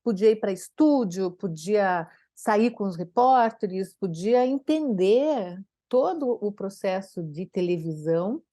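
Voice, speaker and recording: A woman speech therapist from Brazil telling stories from her career in an interview, lively and expressive. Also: slow, no room sound, clean studio sound. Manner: animated, acts out quoted dialogue with big pitch jumps. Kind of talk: conversational interview storytelling.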